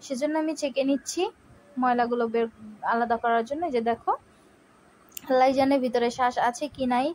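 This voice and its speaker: High-voiced chatty Bengali woman from Barishal. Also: fairly even intonation, brisk, long pauses, a little mellow. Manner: chatty, keeps saying "look here" to viewers. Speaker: cooking vlogger. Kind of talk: casual cooking demonstration. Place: home kitchen.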